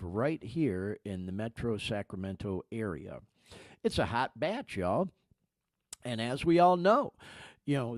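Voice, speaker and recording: A man's voice: mid-range voice, a little mellow, no echo, clean studio sound. Emphatic man hosting a podcast. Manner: emphatic, swearing, emotional. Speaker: podcast host. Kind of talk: casual podcast commentary.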